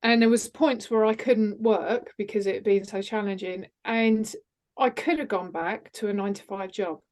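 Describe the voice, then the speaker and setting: A middle-aged woman, an executive mentor and coach, speaks earnestly and candidly as a guest on a podcast interview. Her mid-range voice is steady and somewhat dark in tone, delivered at a normal speed with emphatic frankness.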